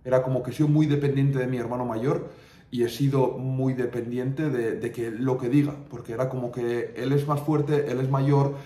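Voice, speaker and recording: A man's voice: medium pitch, little pitch movement, moderate pace, dark tone. Candid young man, roomy distant sound. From Navarre, Spain. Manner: colloquial, candid, peppers speech with "tío" and "¿sabes?". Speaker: online fitness coach. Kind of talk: casual confessional chat. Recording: roomy sound, mic at a distance, faint ambience.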